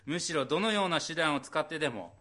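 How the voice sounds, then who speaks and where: A man pastor preaching a sermon in a fairly high voice. His pitch swings widely as he presses his points and asks the congregation questions. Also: quick pace. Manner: animated, emphatic preaching with rising questions; drops to a soft, low voice in prayer.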